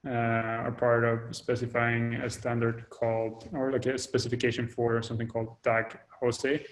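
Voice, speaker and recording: Over a video call with poor audio that breaks up now and then, a male developer gives an update on technical work. He's hesitant, stopping and restarting often and filling pauses with fillers, while his voice stays flat with little rise or fall in pitch.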